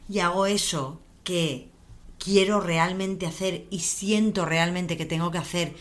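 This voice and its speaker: A woman and mother talking calmly in conversation, reflective, repeating words for emphasis. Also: fairly low pitch, measured pace. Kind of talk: conversational talk.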